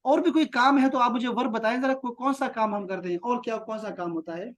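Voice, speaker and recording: Man, Arabic teacher, online kids' class, video call audio, slow drilled phrases, frequent praise, patient. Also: very high voice, background noise. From Pakistan. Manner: patient, drills phrases slowly and repeats them; praises often. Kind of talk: online lesson for children.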